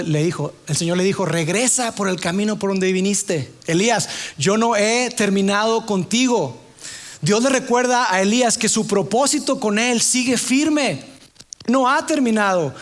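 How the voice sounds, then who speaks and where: A man preaching a sermon in an earnest way, sometimes dropping to a soft hush. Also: high-pitched. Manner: earnest, drops to a soft hush for tender passages.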